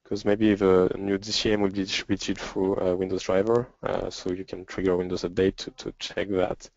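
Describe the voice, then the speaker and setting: A low-pitched man from France with a French accent, a software developer presenting an informal webinar, answers questions in a hesitant, halting way with frequent pauses and throat clearing. His flat delivery has a slightly mellow tone. The audio is dry, dull and lo-fi like an online session, with no room sound.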